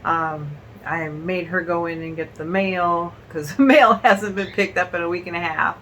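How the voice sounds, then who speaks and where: A woman's voice: on the low side, fairly bright tone, a little hiss or hum, low-quality recording. A woman vlogging at home in a casual chat, short of breath from illness and rambling with fillers. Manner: rambling, halting with fillers and laughs.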